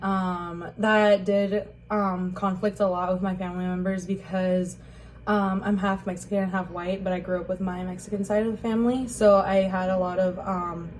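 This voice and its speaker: In an interview, a young woman from Rockford, Illinois, USA casually recounts her life story in a mid-range, slightly mellow voice. She's hesitant and fills her speech with "like" and "um," and the audio is poor with slight background noise.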